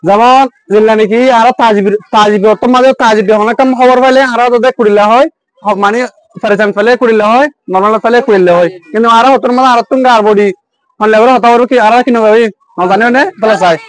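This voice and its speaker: High-voiced man teaching English intonation. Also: fairly even intonation, fairly quick. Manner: mixes English phrases with regional Bengali, drills students in call-and-response. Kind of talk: classroom lesson.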